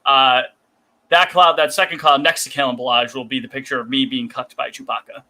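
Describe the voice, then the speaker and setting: A man with a mid-pitched, bright, crisp voice, joking with his co-host on a podcast. He teases dryly and laughs at his own bits. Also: fairly even intonation, fairly quick, poor audio. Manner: wry, teasing, laughs at his own jokes. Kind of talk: casual podcast banter.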